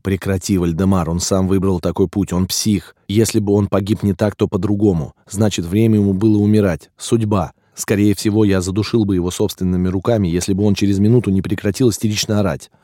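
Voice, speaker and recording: A brusque young man with a blunt, mocking way of talking, as a man narrating puts him on. The voice is low and dark, recorded close and dry. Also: fairly even intonation, a little fast, few pauses, dry recording.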